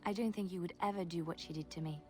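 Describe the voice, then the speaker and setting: Actress as a gentle, wistful woman companion. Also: lowish voice, fast talker, faint music behind, lightly acted. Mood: tender, sincere. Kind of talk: video game dialogue acting.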